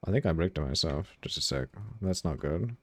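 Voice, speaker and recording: A man streaming a game live, reacting loudly, swearing freely and reading chat messages aloud. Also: a bass voice, animated, brisk. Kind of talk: casual live-stream commentary while gaming.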